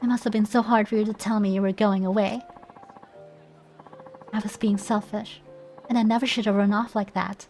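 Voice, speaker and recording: A woman voicing an earnest, shy young boy in love, read softly and heartfelt. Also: medium pitch, flat delivery, moderate pace, long pauses, soft background music, natural voice. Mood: tender.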